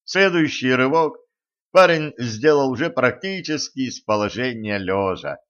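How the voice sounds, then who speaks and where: A man narrating an adventure audiobook in a lively storytelling manner. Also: mid-range voice, measured pace, dull audio. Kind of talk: scripted narration.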